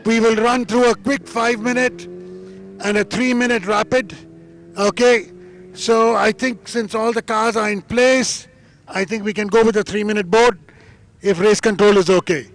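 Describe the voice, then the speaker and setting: A man's voice: high-pitched, fairly even intonation, normal speed, poor audio. A man working as a grid interviewer outdoors before a race, chatty and off the cuff, repeating himself and often tagging on "okay". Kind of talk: live pre-race interview, casual and off the cuff.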